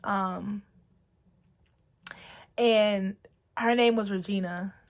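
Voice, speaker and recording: A woman's voice: mid-range voice, steady tone, extremely slow. A woman tells her personal testimony to the camera. She speaks earnestly and with emotion. Her talk loops back on itself, full of repeats and "like".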